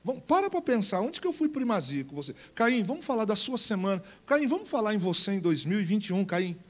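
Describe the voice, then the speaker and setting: A pastor voicing a soft, fatherly God with a Brazilian accent. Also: high voice, fairly quick. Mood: earnest, chummy. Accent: Brazilian Portuguese. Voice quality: soft and calm, street-casual slang. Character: gentle, fatherly God coaxing a sulking man. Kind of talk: acted quotation within a sermon.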